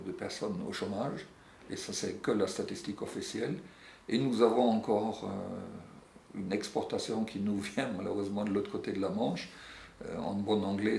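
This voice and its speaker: A middle-aged man, secretary general of a European civil society network, earnestly answers interview questions on European social policy. His voice is lowish, gravelly and darkish, and he searches for words, often pausing on "euh" and restarting sentences. The room echoes, with faint background noise.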